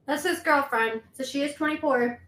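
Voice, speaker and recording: A woman hosts a commentary video, chatting casually and explaining events step by step. Her high voice is a bit bright at a moderate pace, and the recording has a roomy echo.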